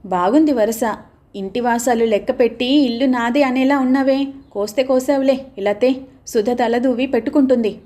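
A woman voicing a sharp-tongued housewife who scolds with sarcasm in an audio novel. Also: on the high side, normal speed, natural voice. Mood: scolding.

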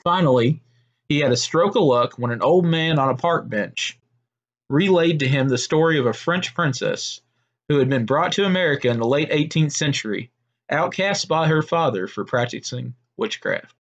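A man narrating a made-up story in a steady, unhurried way, with small slips and restarts. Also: on the high side, highs cut off.

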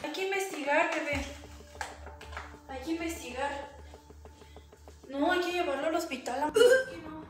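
A woman's voice: high-pitched, expressive, moderate pace, long pauses, distant mic. A young woman with a Mexican accent talking frantically at home, swearing and half laughing, half crying. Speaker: mother in a prank video. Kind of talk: casual home video talk. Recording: echoey room with loud music.

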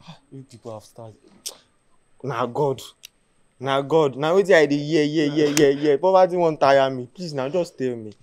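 A man's voice: a little high, normal speed, a little mellow, a little hiss or hum, natural voice. A desperate young man, played by a man who speaks with a Nigerian Pidgin accent. He keeps pleading and pressing in a whiny, insistent tone. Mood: pushy. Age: young adult. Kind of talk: Nigerian gospel comedy drama.

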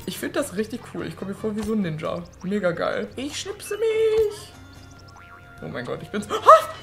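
A young woman hosting a let's play, chatting excitably with frequent swearing and sudden shrieks. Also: medium pitch, fast, gravelly. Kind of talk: casual gameplay commentary. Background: faint game music.

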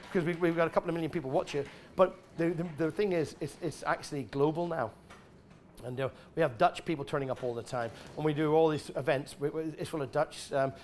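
There's a faint hiss or hum behind this middle-aged man's mid-range voice as he takes audience questions during a casual talk. He's the guest speaker in a large expo tent, forthright and lively, with plenty of swearing and a habit of breaking off and restarting what he's saying.

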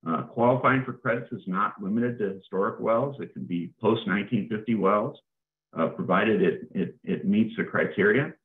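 A man's voice: fairly low pitch, moderate pace. A man presenting a webinar talk, conversational and repeating words as he goes. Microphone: remote call. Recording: tinny phone-like call audio.

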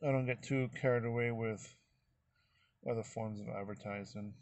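A man's voice: lowish voice, fairly even intonation, moderate pace, a little mellow, no echo. A middle-aged man vlogging casually, walking viewers through his phone screen in a folksy, rambling way. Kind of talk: casual screen-recorded walkthrough.

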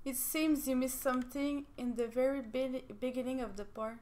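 A young French woman with a French accent, chatting excitedly while playing a game, laughing often and breaking into squeals and shouts. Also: high-pitched, normal speed. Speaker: game streamer. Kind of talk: casual gameplay commentary.

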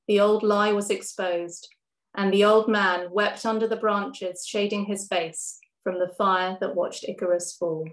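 A woman poet reads her own verse slowly and carefully, with a voice at an ordinary middle pitch. Between poems she slips into loose, chatty introductions with a few ums. The sound carries a noticeable room echo. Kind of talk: poetry reading. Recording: roomy echo.

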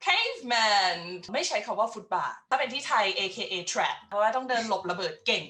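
A woman's voice: fairly high pitch, sing-song, moderate pace, roomy sound, very noisy. A woman tutor giving an upbeat recap of an English lesson, mixing Thai with English phrases.

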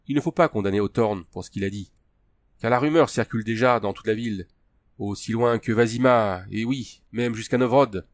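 A man plays a steady, solemn peasant elder in a novel audiobook. The voice is low, with an even, measured tone. The recording is close and dry. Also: no echo, natural voice.

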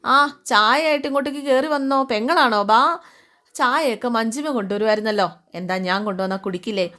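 A woman voicing a scheming young man who talks quickly and sounds indignant, in a retelling of a TV serial. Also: fairly high pitch, sharp tone, voice pushed up.

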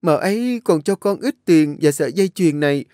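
A man's voice: on the high side, lively intonation, brisk, dark tone, no room sound, studio quality, voice pushed up, lightly acted. A young maid in an audio story pleads in a raised, trembling voice, as a man puts her on. She stammers through her confession. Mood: pleading. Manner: stammering, begging. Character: terrified young servant girl, pleading.

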